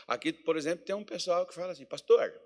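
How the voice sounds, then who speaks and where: A pastor from Minas Gerais, Brazil, preaches a sermon in a church meeting hall, his voice a little high, bright, and very fast. He blends folksy joking asides with emphatic preaching that rises in intensity.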